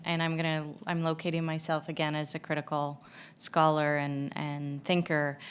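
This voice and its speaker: A woman scholar speaking on a stage panel, thoughtful and measured, into a table mic. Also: low voice, smooth. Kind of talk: panel discussion.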